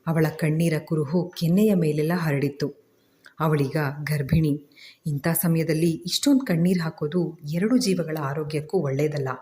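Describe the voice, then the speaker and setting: A woman narrating a family story in a steady, emotive storytelling style. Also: low-pitched, normal speed.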